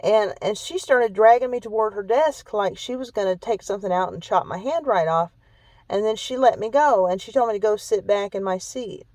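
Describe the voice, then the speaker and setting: A woman's voice: medium pitch, normal speed, darkish tone, dry recording, rough recording. Woman telling a painful story, dry sound. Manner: emphatic, repetitive, keeps adding "okay?" and "really"; emotionally shaken when recounting hurt. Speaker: vlogger. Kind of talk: personal storytelling to camera.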